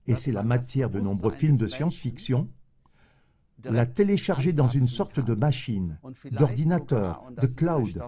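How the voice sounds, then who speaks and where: A man voicing an interview guest's answers in a measured, explanatory way. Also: mid-range voice, very animated, mellow.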